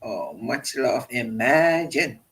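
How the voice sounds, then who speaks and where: A man hosting a casual livestream in an easygoing, meandering way. He talks at a slow, unhurried pace and laughs often between shout-outs to his viewers. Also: medium pitch, rough recording. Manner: relaxed, rambling, laughing often. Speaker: livestream host.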